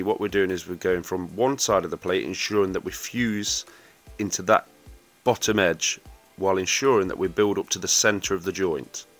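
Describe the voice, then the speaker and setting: Man, lowish voice, steady instructional voice-over, faint music behind. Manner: steady, instructive, addresses viewers as guys. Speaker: welding instructor. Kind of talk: voice-over tutorial narration.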